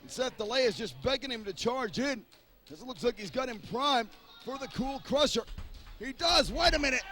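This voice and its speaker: Forceful, very high male wrestling commentator. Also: lively intonation, normal speed, soft background music. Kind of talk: live sports commentary.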